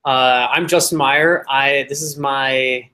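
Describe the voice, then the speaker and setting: A man talking at a casual team meeting, chatty and speaking in quick bursts. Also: medium pitch, steady tone, sharp tone. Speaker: meeting participant.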